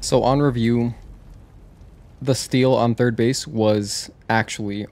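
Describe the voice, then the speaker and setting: This livestreamer's voice sits at medium pitch, a little mellow, with a steady tone and an unhurried pace. Video game music runs underneath as he gives loose, wandering commentary, stopping now and then to react and respond to his viewers.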